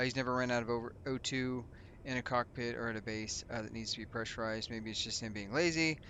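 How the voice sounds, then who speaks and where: A man hosting a let's play in an easygoing, rambling way, wandering off into asides and poking fun at himself. His voice sits at an ordinary middle pitch. A faint steady noise runs under the recording. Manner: rambling and chatty, loose asides and self-mockery. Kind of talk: casual gaming commentary.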